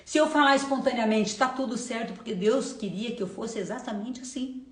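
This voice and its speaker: Speaking briskly at a fairly high pitch, this woman offers a casual, gushing faith testimony on a live stream picked up by a phone or camera. Her accent is Brazilian Portuguese, she calls the audience "gente," repeats short phrases often, and the sound is reverberant.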